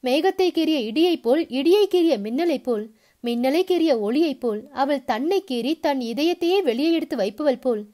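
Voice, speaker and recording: A woman narrates a novel aloud with a notably high voice. Her reading is steady and expressive, carrying the listener from scene to scene. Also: moderate pace. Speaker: storyteller.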